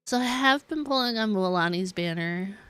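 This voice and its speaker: The woman giggles and rambles through a live game stream, leaning on "like" as she hedges, with game music in the background. Her voice is mid-range and animated, fairly bright and smooth, delivered at a moderate pace in a recording with no echo.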